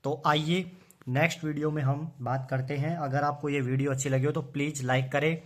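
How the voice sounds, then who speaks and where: A man's voice: fairly high pitch, flat delivery, a little fast. A man teaching an exam-prep memory trick, chanting lists of names in rhythm and quizzing the listener. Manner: coaxing, quizzing the viewer.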